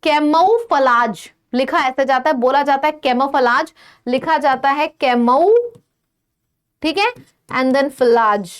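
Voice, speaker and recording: A woman's voice: high-pitched, animated. An Indian woman teaching English vocabulary for exams, mixing Hindi with English words and running through lists of synonyms. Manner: lists many synonyms in a row, checks in with "ठीक है"; mixes Hindi with English words, slows down to stress English phrases. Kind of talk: exam-prep vocabulary lesson.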